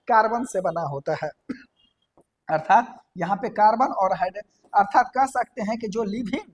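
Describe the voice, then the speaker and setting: A woman teaching a science lesson, explaining step by step, putting questions to the class and answering them herself, and repeating key terms. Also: medium pitch. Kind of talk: classroom lecture.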